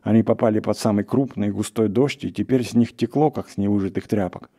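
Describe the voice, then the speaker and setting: A man reads a classic tale aloud in a steady, measured way. His voice is low and deeply dark, with a warm, mellow weight. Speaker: narrator. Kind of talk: literary reading of a classic story.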